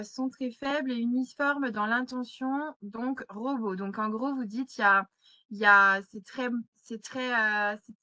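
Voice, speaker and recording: A woman's voice: a little high, pushed and bright, no room sound. A woman trainer leading a live online session, hesitant with many fillers as she reads out chat replies. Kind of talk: live webinar teaching. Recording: slightly muffled webinar audio.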